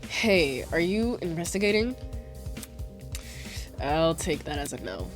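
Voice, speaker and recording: A woman with a stuffy cold, chatting bubbly and fast-paced while playing through a game. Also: sits low, animated, soft background music. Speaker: let's play host. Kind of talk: casual gameplay commentary.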